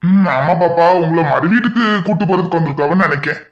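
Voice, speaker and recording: Lady putting on a low gruff old servant guy, kind and homely, cartoon. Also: fast talker, dull audio, lightly acted. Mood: kindly. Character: older male household servant, kindly. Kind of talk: cartoon voice acting.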